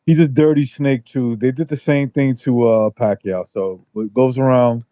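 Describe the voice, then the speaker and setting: A man's voice: mid-range voice, steady tone, normal speed, mellow, no room sound. Muffled man, as if through a wall. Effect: muffled, as if heard through a wall. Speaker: boxing podcast panelist. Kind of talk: casual chat. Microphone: phone. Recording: dull, muffled phone audio.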